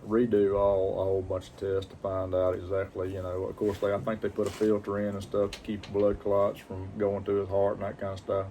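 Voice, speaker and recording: A man talks in a fairly low voice, with some background noise around him. He tells a personal story casually, plain-spoken and halting, pausing to reflect as he goes. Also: completely flat delivery, dark tone. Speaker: pipe-smoking vlogger.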